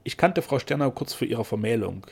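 A man's voice: mid-range voice, lively intonation, brisk, creaky, slightly rough. A man voicing a proud, joyful older duke in a storybook reading, talking in a cheerful, effusive manner.

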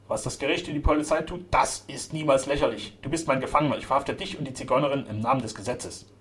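A man's voice: mid-range voice, fast, a bit bright, close to an everyday voice. A pompous small-town mayor full of his office's dignity, voiced by a man reading aloud. He speaks in a formal, officious way. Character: pompous middle-aged small-town mayor, self-important.

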